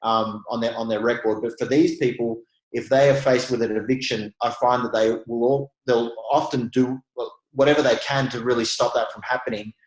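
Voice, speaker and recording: A man's voice: medium pitch, fairly even intonation, brisk, echoey room, low-quality recording. A man with an Australian accent, a real estate investor chatting as a guest in a casual interview, laughing easily and restarting his sentences.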